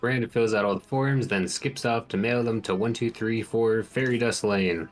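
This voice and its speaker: A man's voice: medium pitch, steady tone, moderate pace, faint music behind, poor audio. A man casually reading out visual novel narration with offhand asides. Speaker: narrator reading game text.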